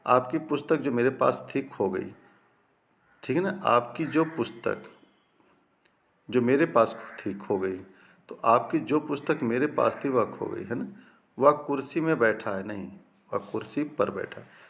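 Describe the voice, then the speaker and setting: A man's voice: mid-range voice, animated, unhurried, gravelly, fairly bright tone. Man drilling Hindi word corrections. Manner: repeats each example twice, wrong form then correct, with frequent "ठीक है ना" checks. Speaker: Hindi grammar teacher. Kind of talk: classroom-style lesson reading out corrections.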